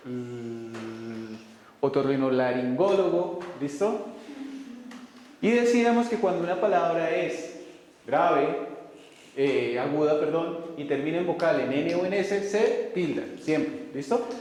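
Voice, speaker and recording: Male teacher, a bit higher voice, questioning, check-in style; reverberant hall recording, faint background hiss. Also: expressive, takes it slowly, darkish tone. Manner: keeps checking in with students, questioning tone. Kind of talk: classroom lecture. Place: classroom. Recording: very echoey hall with faint noise.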